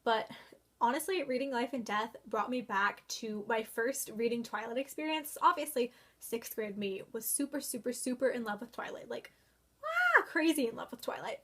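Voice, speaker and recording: Young female book vlogger, gushing, chatty, slightly high voice. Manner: gushing, excitable, quick to exclaim. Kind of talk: casual book review vlog.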